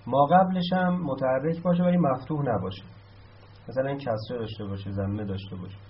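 A man's voice: medium pitch, slight background noise. Man teaching, chanting verb forms. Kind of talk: Arabic grammar lesson. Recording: dull lo-fi sound.

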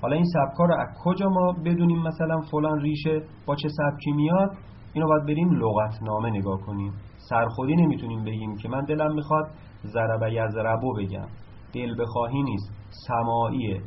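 A man's voice: mid-range voice, a little hiss or hum. Male teacher, patient explanatory lesson, slightly dull recording, faint room ambience. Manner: patient, explanatory, repeats and asks himself questions. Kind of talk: recorded lesson on Arabic verb patterns.

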